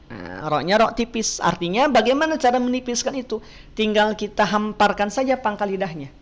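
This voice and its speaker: A woman's voice: medium pitch, sing-song, a little fast. A woman teaching Quran recitation in an online class, patiently asking her students questions and modelling pronunciation.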